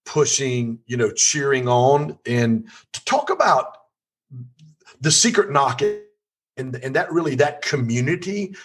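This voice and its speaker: A man hosting a podcast interview, with a slightly husky voice, speaking in an earnest, encouraging way. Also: mid-range voice, fairly bright tone. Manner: scripted inspirational intro, then conversational. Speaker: podcast host.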